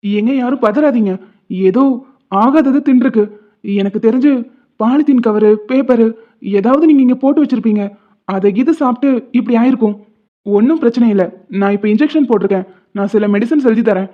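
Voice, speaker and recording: A woman voicing a calm, kind cartoon vet. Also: on the high side, a little fast, long pauses, lightly acted. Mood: reassuring. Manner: reassuring, patient. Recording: tinny phone-like lo-fi sound.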